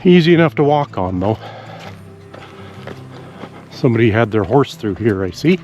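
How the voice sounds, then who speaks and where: A man vlogging outdoors on a country walk, musing aloud in a relaxed, rambling way with pauses as he thinks. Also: mid-range voice, dull audio, soft background music. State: out of breath after a steep climb.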